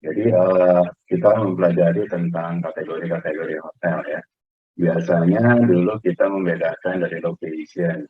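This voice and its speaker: Low husky Indonesian man lecturing. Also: moderate pace, dry recording, narrow, tinny audio. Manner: relaxed, conversational, frequent fillers. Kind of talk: online class lecture. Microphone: video call.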